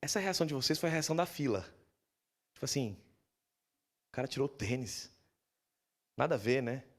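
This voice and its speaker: A male pastor with a Brazilian Portuguese accent, preaching a sermon in a church in a lively storytelling manner and acting out the people he quotes. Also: mid-range voice, fairly quick.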